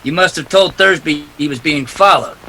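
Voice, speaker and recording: An actor playing a tough, cynical private detective with a clipped, sardonic delivery in a detective radio play. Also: male voice, fairly high pitch, moderate pace, sharp tone, slight background noise, rough recording. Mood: stern.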